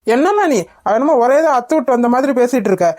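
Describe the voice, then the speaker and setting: A woman voicing a soft-hearted middle-aged father in a cartoon, soothing and pleading. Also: high-pitched, lively intonation, fast talker, no echo, clean studio sound. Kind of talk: cartoon voice acting.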